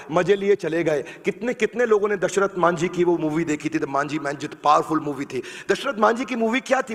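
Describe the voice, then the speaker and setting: Man, motivational stage speaker, high voice, echoing hall reverb, emphatic and repetitive. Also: fairly bright tone. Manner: emphatic, repetitive, leads audience chants. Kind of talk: motivational seminar speech. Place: large hall with live audience.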